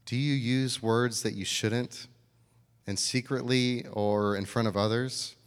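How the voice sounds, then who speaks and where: Pastor preaching in a reverberant hall. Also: male voice, mid-range voice, steady tone, a little slow, clear, resonant tone. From American South. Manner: plainspoken, explains scripture with everyday examples and questions. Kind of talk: sermon.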